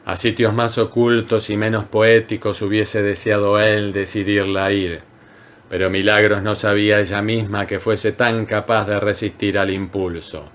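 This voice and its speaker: A man narrating a classic short story as an audiobook, reading in a measured, unhurried way with frequent pauses. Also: on the low side, level tone, a bit bright. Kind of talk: scripted literary narration.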